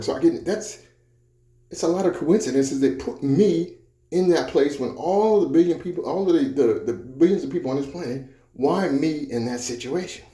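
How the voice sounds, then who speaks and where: A man's voice: on the high side, warm tone, echoey room. A man giving a motivational talk about his own experiences, speaking conversationally and repeating himself, with frequent restarts. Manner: conversational, repetitive storytelling with restarts. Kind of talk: personal storytelling talk.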